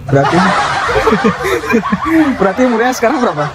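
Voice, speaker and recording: A man's voice: very high-pitched, very animated, normal speed, over a noisy crowd, heavy background noise. A man in his twenties chatting and explaining as a street interviewer, recorded outdoors by a road. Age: 20s. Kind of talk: casual street chat.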